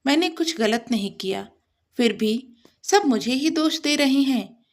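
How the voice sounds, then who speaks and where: A woman plays a hardworking young wife in a storybook tale. She speaks earnestly and slowly, her voice fairly high. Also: expressive. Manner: earnest, restrained.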